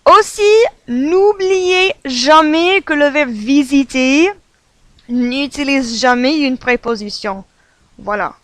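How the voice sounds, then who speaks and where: A woman teaching French as a lesson, patient and repetitive, often filling pauses with hesitations. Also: sits high, fairly bright tone, dry recording. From United States. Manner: patient, repeats examples, fills with "voilà" and "euh".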